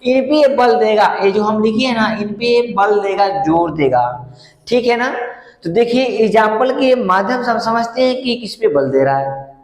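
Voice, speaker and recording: A man's voice: sits high, animated, measured pace, reverberant, big-room sound, poor audio. A male English grammar teacher, lecturing a class and repeatedly asking the students whether they follow. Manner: repetitive, keeps asking if students understand.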